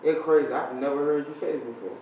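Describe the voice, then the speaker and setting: A man's voice: on the high side, steady tone, fast talker. A man interviewing a guest in a casual conversation, making short reactive remarks. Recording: distant echoey lo-fi mic with faint noise.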